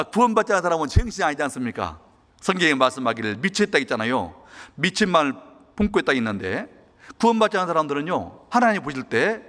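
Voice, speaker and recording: A male pastor preaches a sermon and tells an earnest, emotional personal story. His pitch rises and falls widely as he speaks. His voice carries a long reverb from the church hall. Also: fairly bright tone.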